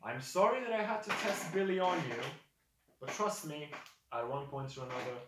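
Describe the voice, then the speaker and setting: A man's voice: fairly high pitch, animated, normal speed, background noise, voice pushed up, natural voice. A man voicing a hooded male orc healer who cheerfully coaxes his ogre companion. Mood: breezy. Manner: cheerful, coaxing, talks to his ogre like a pet. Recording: roomy, distant mic.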